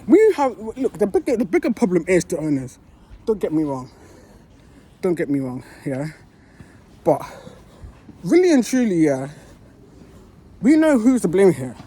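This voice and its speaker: A woman's voice: fairly low pitch, big pitch swings, a little slow, long pauses, warm tone, husky. A woman, a football fan giving a heated, swearing reaction rant that keeps circling back on itself. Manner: heated, swearing, repeats herself.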